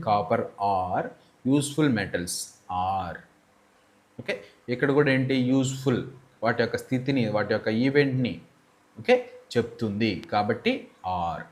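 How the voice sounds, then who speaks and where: Male English teacher, Telugu accent, mid-pitched voice, patient step-by-step explainer who reads examples slowly. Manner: explains step by step, often asks and answers his own questions. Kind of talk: grammar lesson.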